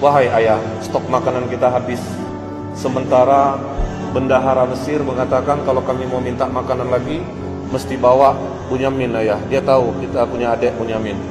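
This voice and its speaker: A man's voice: mid-range voice, flat delivery, normal speed, close to an everyday voice. A man voicing a group of anxious grown brothers who plead with their father in a retold sermon story. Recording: echoey hall with faint music.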